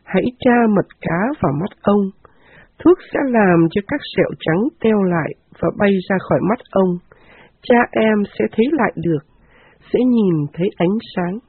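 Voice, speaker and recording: A woman reading the part of a calm male angel guide in a scripture reading, steady and measured. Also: mid-range voice, breathy edge, no echo. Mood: instructing. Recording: dry, tinny phone-like sound.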